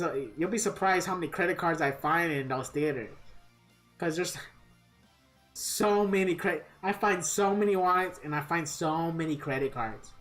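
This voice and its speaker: A woman's voice: lowish voice, fairly bright tone. A woman live-streaming a game, chatting casually with viewers in a kvetching, grumbling way and swearing freely. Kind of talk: casual livestream chat with viewers. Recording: guitar music behind the voice. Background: plucked guitar music.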